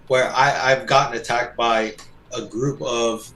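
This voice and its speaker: A man's voice: mid-range voice, steady tone, unhurried, fairly bright tone. A man from Turkey, a podcast panelist, making his point in a casual debate and insisting on finishing it. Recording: roomy sound with faint noise.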